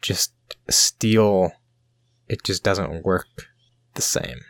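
A man narrating a tabletop game as game master, improvising with hesitant pauses mid-sentence. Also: low voice, vocal fry, fairly bright tone.

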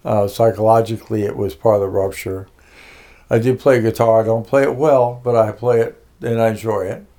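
A man's voice: fairly low pitch, fairly even intonation, brisk, dark tone. An older man from Connecticut, a music producer being interviewed, telling his life story casually with many fillers and restarts.

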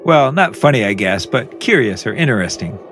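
A man co-hosting a podcast in casual banter, jokey and quick to laugh. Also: mid-range voice, lively intonation, a bit bright, slight background noise. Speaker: podcast co-host.

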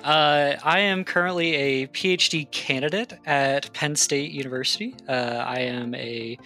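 A man's voice: fairly high pitch, fairly even intonation, a little slow, pushed and bright, soft background music. A young man in a casual interview, explaining his field with enthusiasm and frequent fillers. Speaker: guest geologist.

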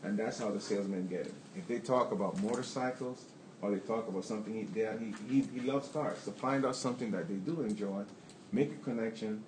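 A man's voice: fairly low pitch, fairly quick, a little mellow, echoey room, a little hiss or hum, rough recording. A man who owns a plumbing business, answering audience questions candidly and rambling with restarts. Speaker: plumbing business owner on a panel.

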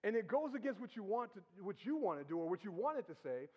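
A man preaching with a high voice, teasing and conversational as he works the congregation with rhetorical questions. His sermon rings out in a church hall with a long reverb and a dull, muffled tone. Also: very animated, quick pace, husky. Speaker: pastor.

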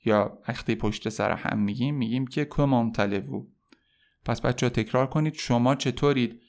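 A young man teaching French phrases on a podcast lesson, explaining casually with many pauses and slowing down to model each phrase. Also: mid-range voice, darkish tone.

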